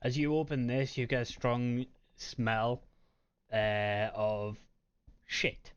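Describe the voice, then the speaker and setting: A man narrating as game master of a tabletop game, describing scenes in a halting, measured way. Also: medium pitch, clear, resonant tone, highs cut off.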